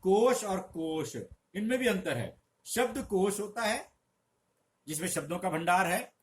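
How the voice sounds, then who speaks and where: A middle-aged man teaching a lesson, patiently explaining and slowly drawing out example sounds for emphasis. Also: sits high, lively intonation, fairly bright tone. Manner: patient, instructive. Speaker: Hindi teacher.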